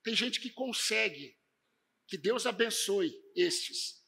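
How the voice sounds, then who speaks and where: A man delivers an emphatic church sermon, his high voice gravelly and strained. The tone is bright and sharp, with a husky edge. He swings his intonation from hushed to forceful. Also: expressive, takes it slowly. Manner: emphatic preaching, varied intonation. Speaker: pastor.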